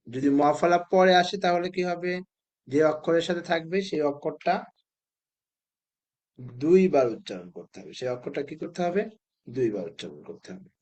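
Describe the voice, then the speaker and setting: A man teaching a spelling and pronunciation lesson to children, who asks questions and answers them himself and says each word slowly, again and again. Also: on the high side, a little mellow. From Bangladesh.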